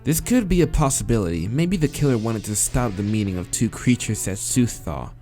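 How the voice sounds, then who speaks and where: A fairly low-voiced man speaks fairly quickly as he plays through a visual novel, reading the dialogue aloud and reacting, with soft background music. He mutters and swears hesitantly over answer choices, then reads on steadily.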